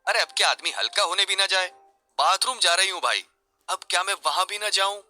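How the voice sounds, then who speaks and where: Guy doing a cheeky 21 yr old girl, high and sassy, super bright tone. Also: lively intonation, no room sound, soft background music, full character voice. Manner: sassy, quick-witted, dramatic. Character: bold cheeky young woman, 21.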